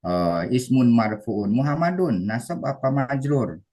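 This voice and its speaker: A man from West Java, giving an animated Arabic teacher-training lecture over a video call. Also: medium pitch, a little slow. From West Java, Indonesia. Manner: animated, acts out students' voices. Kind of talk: online class lecture.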